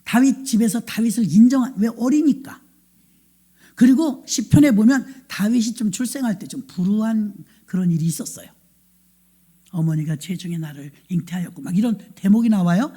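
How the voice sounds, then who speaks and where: A woman's voice: mid-range voice, moderate pace, dark tone, husky. A middle-aged woman pastor preaching a sermon, telling the story with animation and asking the congregation questions.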